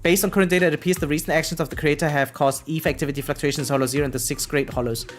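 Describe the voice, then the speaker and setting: A game streamer chats casually with viewers in a medium-pitched voice at a racing pace, with faint music in the background. Excitable and sweary, he reacts out loud and reads bits of game text.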